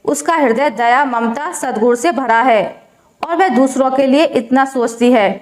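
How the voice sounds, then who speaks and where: A calm, wise old father-in-law, as a woman storyteller puts him on, gently lectures in a high, even voice. The recording carries a roomy echo. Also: a little slow. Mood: calm advice.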